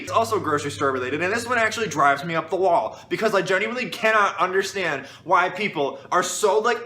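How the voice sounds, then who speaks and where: Ranty guy vlogging in an echoey room, bright sharp voice, bit of hiss. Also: mid-range voice. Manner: animated, ranting, lots of fillers. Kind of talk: ranting vlog.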